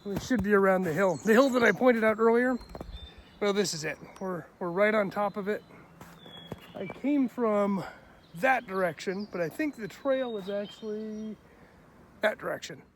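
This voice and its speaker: Young male hiking vlogger, higher pitch, easygoing and self-mocking, phone mic outdoors with faint background noise. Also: normal speed. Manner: chatty, self-deprecating, laughs often. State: out of breath. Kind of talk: casual outdoor vlog narration. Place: snowy mountain trail outdoors. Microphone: handheld phone.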